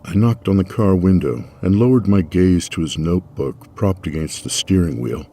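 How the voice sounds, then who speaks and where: A man reading a first-person novel aloud as an audiobook narrator, wry and expressive. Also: low voice, normal speed.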